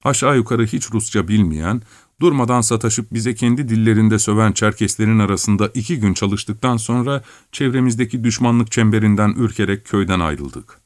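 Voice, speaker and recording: Low-voiced male audiobook narrator, dry. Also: normal speed, no echo. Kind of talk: scripted narration.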